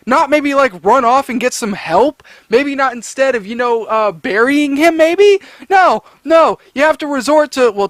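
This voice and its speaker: A man's voice: extremely high pitch, fairly bright tone, dry recording. A man ranting as he reviews a creepypasta, rambling and stammering with exasperation. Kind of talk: ranting commentary.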